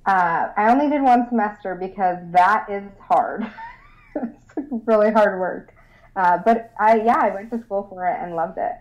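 Speaking at a slightly slow pace with a medium-pitched, animated voice, a young adult woman from Rochester, New York, appears as a guest designer in a casual interview. She is eager and bubbly and laughs frequently, and the recording quality is dull and lo-fi.

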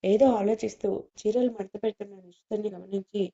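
A woman narrating a romantic audiobook story in a steady, gentle reading style, on dull lo-fi audio. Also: mid-range voice, brisk, vocal fry.

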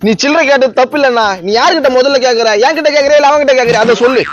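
A man's voice: extremely high pitch, rapid-fire, dull audio. A man acting a brash young man who argues and bickers with his friend. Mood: argumentative. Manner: brash, quarrelsome.

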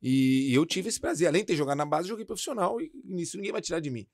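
A fast-paced male interview guest, in his forties. He talks in a frank, slangy way, swearing freely. The sound is dry and close, with no room echo. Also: fairly high pitch, vocal fry. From Brazil. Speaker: interview guest, former footballer. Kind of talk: casual interview chat.

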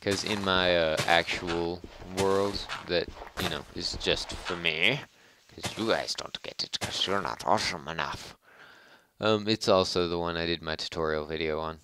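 A man's voice: low voice, unhurried, background noise. A man giving casual, rambling gameplay commentary with a harsh voice, joking and chatting with his viewers. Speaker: let's play host.

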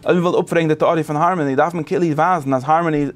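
A man teaching a casual study lesson, animated and thinking aloud with many restarts. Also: on the high side, very fast.

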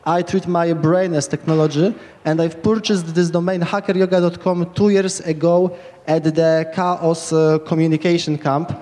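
A Polish man in his thirties speaks steadily at a moderate pace, his fairly high, darkish voice carrying a big-room sound. On the large tent stage of a hacker camp, he rambles enthusiastically through an informal lightning talk into a handheld mic, restarting often.

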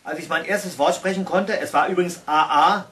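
Hans K. Björn, Mann als brummiger Troll. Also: male voice, fairly high pitch, a little fast, bright, forceful tone, far from the mic. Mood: grumbling. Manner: grumbling. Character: grumbling male troll.

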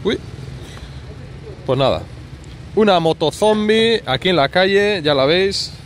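This motorcycle vlogger's voice sits high and is expressive, and he takes it slowly. He's making casual, colloquial off-the-cuff commentary outdoors in a street parking area, filming from behind a handheld phone or camera against noisy urban street sound.

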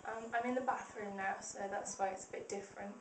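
Croaky-voiced young woman vlogger. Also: medium pitch, steady tone, fast talker, far from the mic. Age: young adult. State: croaky, slightly hoarse voice. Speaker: fashion vlogger. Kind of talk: casual outfit-of-the-day vlog. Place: small indoor rooms at home, bathroom. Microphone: handheld compact camera, close. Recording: echoey room with background noise.

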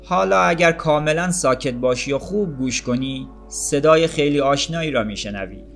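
A man voicing a gentle, loving young mother in an audiobook story, speaking softly and coaxingly. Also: a little high, gravelly, faint music behind. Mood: tender. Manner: soft, coaxing, smiling.

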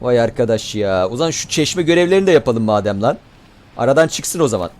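Let's-play host: man, loud and reactive, swearing at enemies, animated pitch. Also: fast. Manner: excitable, swearing, shouting at enemies. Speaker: gaming YouTuber.

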